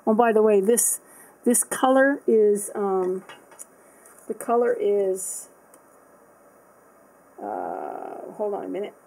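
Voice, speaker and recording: A woman's voice: mid-range voice, very animated, slow pace, creaky, pauses often, dark tone, low-quality recording. A woman casually chatting through an art supply unboxing, thinking aloud with lots of fillers and restarts.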